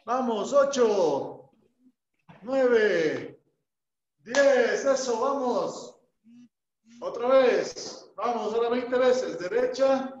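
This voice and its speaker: A man teaching a martial arts class online, counting out drills and calling brisk commands. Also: extremely high pitch, expressive. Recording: echoey room, distant mic, dull sound.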